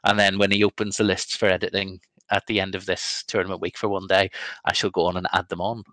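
A man's voice: low-pitched, flat delivery, fast, a bit bright, no echo. A man hosting a casual podcast chat, rambling and self-deprecating with lots of ums. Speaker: podcast host.

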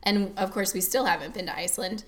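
A woman's voice: medium pitch, fast talker, fairly bright tone. Chatty woman podcast co-host, often laughing. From US Midwest. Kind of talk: casual chat.

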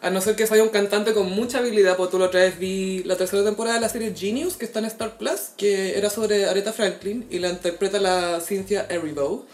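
A woman's voice: mid-range voice, brisk, hardly any pauses. A woman with a Chilean accent co-hosting a casual gossip chat, telling stories and acting out what people said. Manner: animated storyteller who acts out quotes. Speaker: podcast co-host. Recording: roomy echo.

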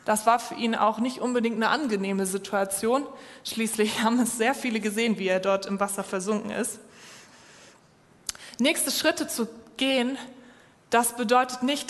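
Woman preaching in a reverberant hall. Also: on the high side. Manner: direct, encouraging address to listeners. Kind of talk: sermon.

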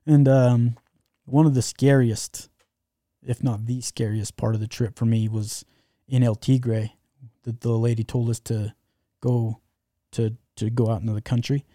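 A man's voice: mid-range voice, steady tone, measured pace, dark tone, no room sound, clean studio sound. A man telling a travel story in casual chat, rambling with lots of fillers and restarts.

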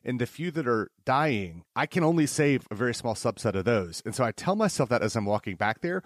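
A man's voice: mid-range voice, very animated, fairly quick, no echo, studio quality. A man on a medical panel speaking candidly about keeping control of a chaotic emergency room. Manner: candid, uses vivid figures of speech. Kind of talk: panel discussion.

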